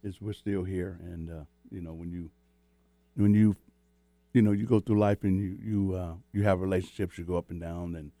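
A man speaking as a guest, telling a story in a soft, rambling way. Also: low voice, steady tone, normal speed, dry recording. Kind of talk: casual chat.

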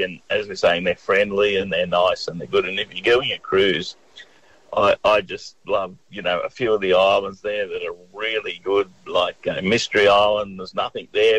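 A man's voice: on the low side, a bit bright, dry recording. A man with an Australian accent giving travel talk in a casual, hesitant radio chat. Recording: dull lo-fi radio call.

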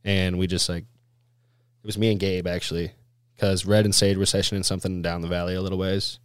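Brisk and smooth, a man with a low-pitched voice and little pitch movement spins stories as an easygoing interview guest. He's heavy on snowboarder slang, with "like" and "dude" everywhere, and the recording is studio quality with no echo.

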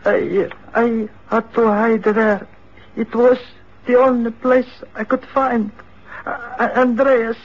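A frail fugitive in a radio drama, his voice thin and very high. He speaks slowly and breathily, stammering in fear. The recording sounds muffled. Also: exaggerated voice. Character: frail terrified Neapolitan man in hiding.

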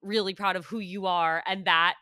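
A podcast host in her late twenties talks candidly and pokes fun at herself, laughing easily. Her voice sits a little low for a woman yet sounds bright and forward. The recording is close and dry, with no room sound. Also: fairly even intonation, normal speed, no echo. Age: 20s. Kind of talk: casual interview chat.

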